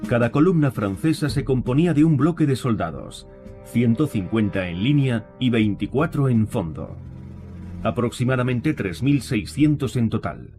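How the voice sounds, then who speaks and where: A man's voice: mid-range voice, expressive, moderate pace, dark tone. A man reading scripted narration for a history documentary. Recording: music behind the voice.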